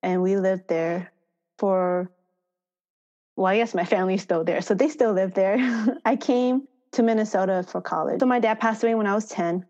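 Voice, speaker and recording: A woman born in Thailand, a farmer education manager, telling her story in a relaxed interview and laughing often. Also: medium pitch, normal speed. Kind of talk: casual interview conversation. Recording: slightly dull lo-fi sound.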